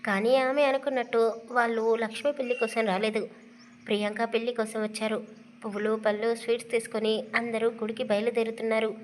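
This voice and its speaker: A woman narrating an audio love story in a steady storytelling way. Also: fairly high pitch, fairly quick, slight background noise.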